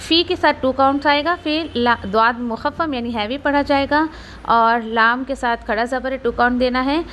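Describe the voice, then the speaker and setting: Woman, high voice, tajweed teacher, patient explanations, slow repeated words. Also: a bit bright, slight background noise. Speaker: Quran recitation teacher. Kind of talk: tajweed lesson with slow recitation.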